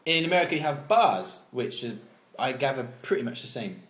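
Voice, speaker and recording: British male co-host, animated and jokey, roomy recording with faint background hum. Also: medium pitch, fairly quick. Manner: jokey, laughs often. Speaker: podcast co-host. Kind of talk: casual chat. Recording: roomy echo, faint ambience.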